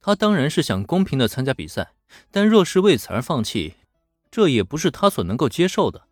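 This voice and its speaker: A man with a slightly high voice narrates a serial story briskly, sounding chatty and animated and tossing in colloquial asides. Clean studio sound with no echo, plus faint background music.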